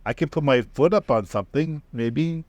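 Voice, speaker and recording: A man's voice: a little high, normal speed, a little mellow, no echo, muffled recording. Joking male podcast co-host. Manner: joking, laughs often. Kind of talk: casual chat.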